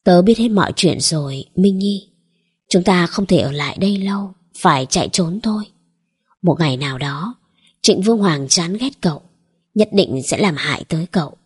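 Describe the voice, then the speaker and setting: A woman reading an audiobook, voicing a determined young woman who urges her friend in a hushed, urgent way. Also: lowish voice, lively intonation, moderate pace, slightly rough.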